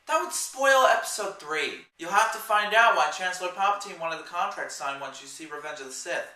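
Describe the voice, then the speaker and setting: Bright high-voiced man reviewing a movie. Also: expressive, brisk. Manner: chatty, rambling, with sidetracked asides. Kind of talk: casual movie review vlog. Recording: roomy echo, mic at a distance.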